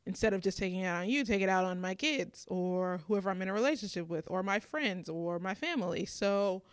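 A woman chatting earnestly on a podcast, thinking things through out loud. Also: mid-range voice, animated, brisk, smooth, dry recording, studio quality. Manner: thoughtful, earnest, reflective. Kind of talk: casual chat.

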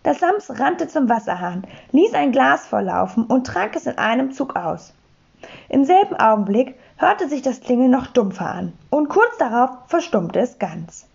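A woman narrating a children's story audiobook with lively storytelling. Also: sits high, unhurried, highs cut off. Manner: lively storytelling, clear phrasing.

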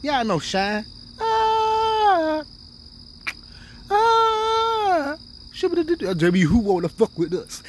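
A man's voice: fairly high pitch, noisy background. A man hosting his own podcast in loose, boastful street slang, full of profanity and filler tags like "you dig" and "you know what I'm saying". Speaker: podcast host. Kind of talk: casual profane podcast chat. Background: faint crickets and insects.

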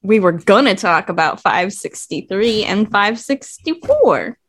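A woman's voice: mid-range voice, lively intonation, a little slow, husky. A woman co-hosting a comedy podcast in casual banter, with a crude, joking, foul-mouthed manner. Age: young adult to middle-aged, mother of young children. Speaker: podcast co-host.

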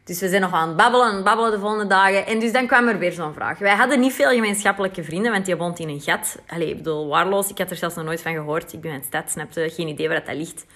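A woman's voice: lowish voice, quick pace, hardly any pauses. Chatty Flemish woman in her thirties. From Belgium. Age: 30s. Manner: animated, chatty, with asides to viewers. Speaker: vlogger telling a dating story. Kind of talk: casual storytime chat to viewers.

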